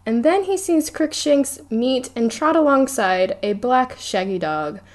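A woman co-hosting a casual book podcast, chatting and reading passages aloud with animated energy. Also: high-pitched, unhurried. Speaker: podcast co-host. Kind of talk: casual book-club chat.

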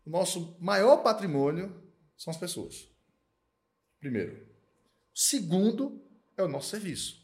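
A man from Northeast Brazil who runs an accounting firm, talking in a casual podcast conversation, emphatic and repetitive, tagging his points with quick checks for agreement. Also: high voice, very animated, darkish tone, breathy edge. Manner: emphatic, repeats himself, tag questions "tá?" and "né?".

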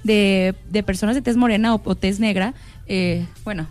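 A woman's voice: medium pitch, normal speed, a little mellow. A young woman with a Mexican accent, co-hosting a casual panel chat in an earnest tone and repeating words as she thinks. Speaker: podcast co-host.

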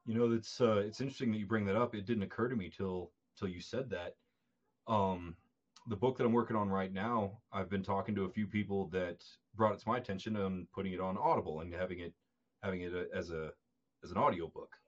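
Man, author co-host, very deep voice, thoughtful and hesitant, dull lo-fi audio. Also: fairly quick. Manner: thoughtful, hesitant, repeats words. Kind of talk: casual chat. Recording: dull lo-fi sound.

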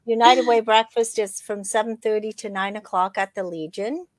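A woman's voice: mid-range voice, steady tone, moderate pace, dry recording. Chatty woman, dry close sound. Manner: chatty, runs through event schedules. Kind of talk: casual chat.

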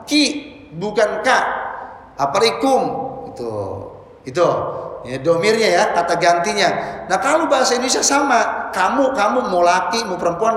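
A man preaching a sermon to a congregation, animated and full of rhetorical questions, drawing out Arabic phrases slowly. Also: sits high. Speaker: Islamic preacher. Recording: very echoey hall.

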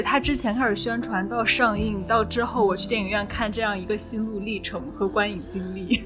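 A young woman in her twenties co-hosting a chat podcast. She tells a long, winding story with lots of fillers in a slightly high voice. Faint music plays behind her. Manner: rambling, chatty storytelling with fillers. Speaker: podcast co-host.

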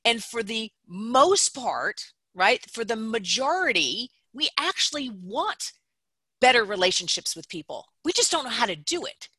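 Bright-voiced woman company founder. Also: fairly high pitch, big pitch swings, measured pace, husky, no room sound. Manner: emphatic, explains ideas step by step with rhetorical "right?". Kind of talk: interview guest speaking.

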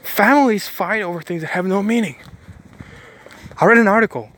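Emphatic man with a higher voice. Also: moderate pace, a bit bright. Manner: emphatic, repeats phrases for stress; rambling with frequent restarts. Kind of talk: preachy motivational monologue.

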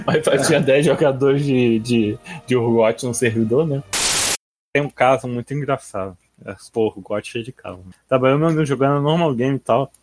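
A man's voice: mid-range voice, moderate pace, soft background music. A young Brazilian man with a Brazilian Portuguese accent, chatting casually on a gaming podcast and telling stories with a laid-back manner and frequent laughs. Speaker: podcast co-host.

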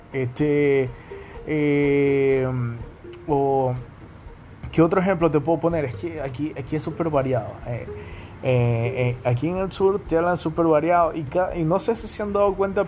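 A man's voice: on the high side, darkish tone, a little hiss or hum. A young man from Guayaquil with a coastal Ecuadorian accent, hosting a casual podcast monologue and checking in with his listeners often. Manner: chatty, repeats ¿me entienden?. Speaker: podcast host.

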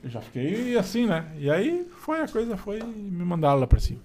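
A man with a southern Brazilian Portuguese accent, a podcast guest, tells stories of his experiences in a casual, colloquial chat, acting out snippets of dialogue. His high, darkish voice swoops wildly in pitch at a moderate pace, with slight background noise.

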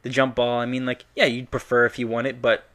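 A man's voice: medium pitch, monotone, fast talker, fairly bright tone. A man co-hosting a casual film chat, explaining things at length and chuckling. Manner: explains at length, chuckles, talks over his co-host. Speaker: podcast co-host.

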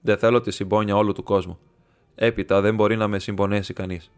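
A man's voice: lowish voice, little pitch movement, close to an everyday voice. A man reading as a scornful proud nobleman. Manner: mocking and defiant. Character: proud scornful male nobleman making a bitter confession.

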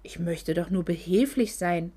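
Brief: woman reading a deep, oily, condescending male loan shark for an audiobook. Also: unhurried, mellow, breathy edge. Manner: oily, condescending, mock-polite. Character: smug greedy male moneylender, fake-sweet.

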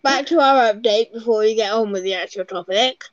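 A woman co-hosting a podcast in casual chat, excitable and fangirling, swearing freely. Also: on the high side, a little fast, no room sound, lo-fi sound. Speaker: podcast co-host.

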